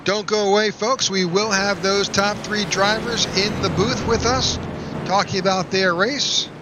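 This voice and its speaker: A man doing play-by-play race broadcast commentary, upbeat, reading out results in a steady list. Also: sits high, measured pace, noisy background. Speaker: play-by-play announcer.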